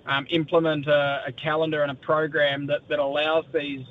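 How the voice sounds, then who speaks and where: A man's voice: flat delivery, normal speed. An Australian man chatting as a sports correspondent in a live radio interview, discursive and colloquial. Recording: muffled, low-fi line with faint noise.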